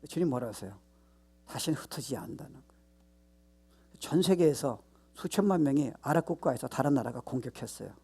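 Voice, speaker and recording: A male pastor preaching a sermon, stressing points loudly, then dropping to low asides, with English phrases mixed into his talk. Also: lively intonation, brisk, vocal fry, husky. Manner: emphatic, mixes English phrases into his Korean; swings between loud stress and low, soft asides.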